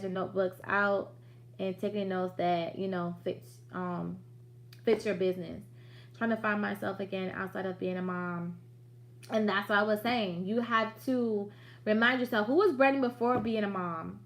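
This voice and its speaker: This late-thirties woman hosts a laid-back business livestream, her mid-range voice keeping a steady tone at an ordinary speed. She talks in a direct, upbeat, motivating way, with slangy side comments.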